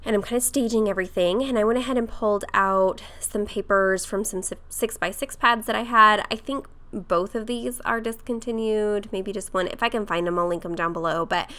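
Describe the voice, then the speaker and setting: A woman whose voice is hoarse from a cold talks through her craft project in a relaxed, chatty voice-over. Her pitch sits in a middle range, and she scatters fillers and small laughs as she explains each step. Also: a little fast, hardly any pauses. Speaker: craft vlogger. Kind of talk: casual voice-over tutorial.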